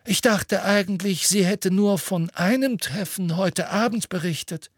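A man's voice: sits high, a little slow, no echo, clean studio sound, voice pushed up. Dumbledore, a man doing a mild old wizard. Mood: ironic. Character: wise old male headmaster, calm and dry.

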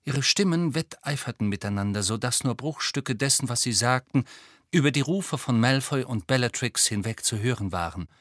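A man narrating an audiobook in a measured, even storytelling voice. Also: medium pitch, dry recording, clean studio sound. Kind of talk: scripted narration.

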